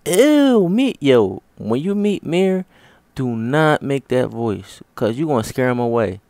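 Slangy, bossy man with a lively voice. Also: medium pitch, unhurried, creaky, no echo. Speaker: comedy skit host. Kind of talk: comedy skit.

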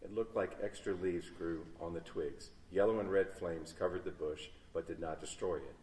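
A man dramatically reading a Bible story aloud in a large church, his loudness rising and falling. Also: sits low, fairly even intonation, moderate pace. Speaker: story reader. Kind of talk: expressive read-aloud storytelling. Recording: echoey church hall, distant mic.

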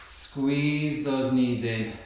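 Male fitness instructor, 30s, encouraging and exerting himself, very slow spaced delivery, strongly reverberant room. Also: medium pitch, steady tone. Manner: encouraging, counting down reps. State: exerting himself while exercising. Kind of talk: upbeat workout coaching. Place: bright indoor home studio room, exercising on a mat. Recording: very echoey hard-walled room.

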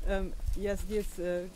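A woman's voice: on the low side, slow, mellow, rough recording. A middle-aged German woman with a German accent speaks hesitantly in a non-native language, searching for words, at an outdoor gathering. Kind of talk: halting, unscripted speech at a memorial gathering. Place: outdoors in a park by memorial stones. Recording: clear outdoor background noise.

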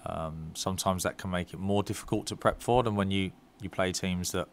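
A low-pitched football manager in his thirties speaks into a desk microphone at a press conference in the club press room, with slight background noise. His answers are measured, broken up by many ums and restarts.

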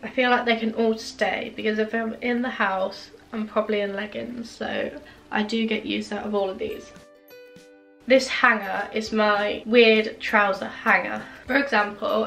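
A woman's voice: on the high side, vocal fry, a bit bright. A woman in her twenties giving a casual wardrobe tour at home, chatting and thinking aloud as she hunts for the right words. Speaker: fashion vlogger.

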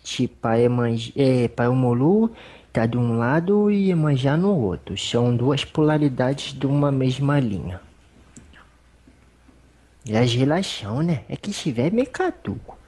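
A humble, teasing old male spirit elder speaks with a Brazilian accent, voiced by a medium in trance. The voice is husky and its pitch swings widely between low murmurs and sudden high notes. He talks in a rambling, folksy, fatherly way. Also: animated, unhurried, warm tone. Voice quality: husky, rambling, folksy speech with fond asides. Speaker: spiritual medium giving a consultation. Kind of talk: religious consultation talk.

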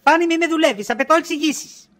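A woman's voice: high voice, fairly bright tone. A woman playing a middle-aged wife in a comedy sketch, insistent and accusing as she nags her husband.

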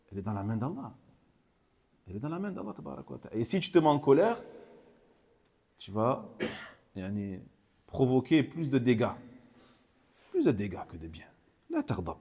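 Animated husky man teaching a lesson. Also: mid-range voice. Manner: repeats key phrases for emphasis, mixes in Arabic phrases. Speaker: Islamic teacher. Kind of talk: religious lesson commenting on a hadith text.

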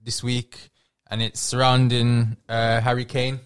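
A man's voice: mid-range voice, unhurried, clear, resonant tone. A man hosting a podcast, chatting casually and backing up his guest with lots of agreement. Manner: steady backchanneling, slangy. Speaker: podcast host.

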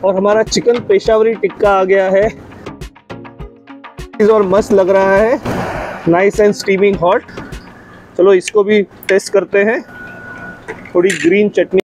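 A man's voice: high voice, little pitch movement, slow, long pauses, darkish tone, faint music behind. A middle-aged Indian man hosting a casual food vlog, talking with enthusiasm on a lapel mic at an open-air restaurant. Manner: enthusiastic, mixes Hindi and English. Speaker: food vlogger host.

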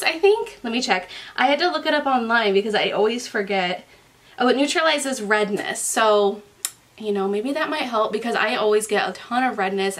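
A woman's voice: mid-range voice, fairly bright tone. Chatty young woman, nasal from a cold. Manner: chatty, giggly. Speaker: beauty vlogger. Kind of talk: casual makeup unboxing vlog.

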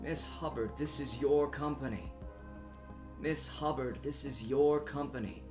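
An older board member pleads with slow insistence, as a man puts him on. The voice sits well above the reader's usual deep tone, raised and urgent. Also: over music, close to an everyday voice. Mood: pleading.

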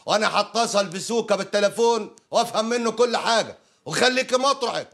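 A soothing middle-aged Egyptian uncle in a TV drama, with a gravelly, slightly raised voice. He talks fast, full of fatherly reassurance. A faint music score runs beneath. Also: high voice, background noise. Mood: calming. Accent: Egyptian Arabic. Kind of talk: TV drama acting.

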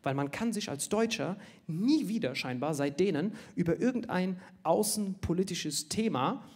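A fairly high-voiced man from India doing a stand-up comedy set. He is animated and jokey, and keeps dropping quick tag questions to the crowd. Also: slightly rough.

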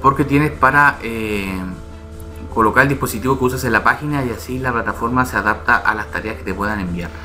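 This casual screen-recorded tutorial features a YouTube host moving briskly through a website one step at a time, regularly checking with "¿ya?" and "¿vale?". His medium-pitched voice is bright and forceful, and soft music plays underneath.

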